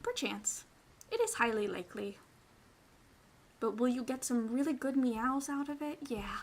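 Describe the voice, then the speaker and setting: A young adult woman streamer in quiet, casual ASMR chat, playful and rambling, sometimes dropping into soft whispers. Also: a little high, lively intonation, measured pace.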